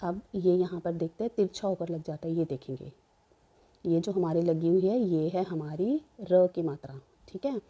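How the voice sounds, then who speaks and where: A woman's voice: on the low side, moderate pace, dark tone, breathy edge, dull audio. A woman teacher giving a grammar lesson, explaining step by step and asking and answering her own questions. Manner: repeats "ठीक है" to check understanding.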